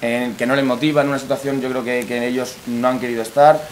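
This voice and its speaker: Quick-talking man in a restaurant panel. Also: medium pitch, level tone, slight background noise. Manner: hesitant, thinking aloud with fillers. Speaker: football coach. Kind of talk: casual panel discussion. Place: restaurant dining room, indoors.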